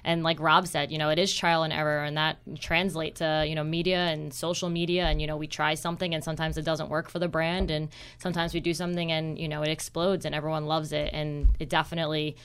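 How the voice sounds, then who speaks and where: An upbeat woman chatting on a podcast about her public relations work. Her voice is smooth and clear, a bit low, and she leans on fillers as she talks. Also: level tone, fast, hardly any pauses, fairly bright tone. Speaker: PR guest. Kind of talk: casual podcast chat.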